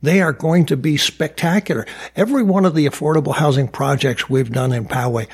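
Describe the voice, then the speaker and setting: Husky-voiced man talking up results. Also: fairly high pitch, brisk. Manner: upbeat, boastful, frequent uh fillers. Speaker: mayor and county supervisor candidate. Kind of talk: political interview answers.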